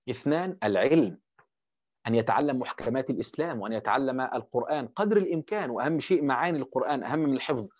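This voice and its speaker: A man's voice: mid-range voice, a little mellow. A man with an Egyptian accent giving a conversational religious lecture on parenting, posing questions and answering them himself. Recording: dull lo-fi audio.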